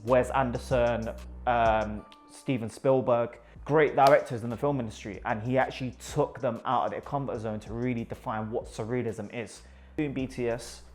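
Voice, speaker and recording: An Iraqi man with a London accent, a photographer, talks enthusiastically about his pictures, often repeating words for emphasis. His voice is on the low side.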